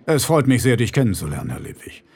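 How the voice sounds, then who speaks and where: A man voicing a big, powerful rich man who speaks in a booming, gruff and coldly courteous manner. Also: wildly swooping pitch, quick pace, darkish tone, full character voice.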